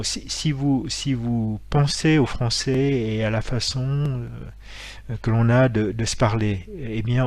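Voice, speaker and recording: A man teaches with a patient, step-by-step manner and an average-pitched voice. He stops often to say example sounds aloud. The recording is dry and close, with little room sound. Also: a little mellow, dry recording. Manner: patient, explains step by step, demonstrates tones aloud. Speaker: language teacher for martial arts students. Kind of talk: explanatory lesson with spoken examples.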